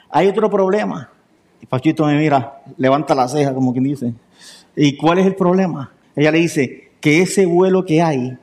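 A male preacher. He tells a personal story from the pulpit and voices the other people's lines as he goes. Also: on the high side. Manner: lively storyteller acting out dialogue. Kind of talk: sermon storytelling.

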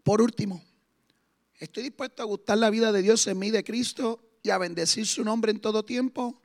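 A man preaching a sermon with fervor, moving from hushed stretches to loud exclamations. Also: high voice, normal speed. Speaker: guest preacher.

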